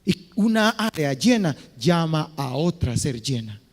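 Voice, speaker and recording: A man, a pastor, preaching an impassioned sermon, moving between loud exhortation and quiet, drawn-out phrases. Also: a little high, very animated. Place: church hall. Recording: reverberant church hall.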